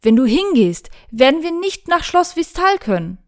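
A woman's voice: sits high, sing-song, normal speed, a little mellow, pitched above the performer's own voice. A woman voicing a brash, protective young male companion who talks bluntly and interrupts. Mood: insistent.

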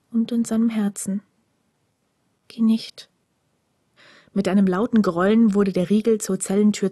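A woman narrating a story in a hushed voice that often drops to a whisper. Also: mid-range voice, husky, no room sound, clean studio sound. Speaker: audiobook narrator.

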